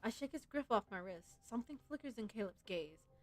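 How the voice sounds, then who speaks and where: Game music runs under a woman's slightly high, expressive voice as she streams live at a slightly fast pace. Giggling like a fan, she chats casually and reads the story aloud playfully.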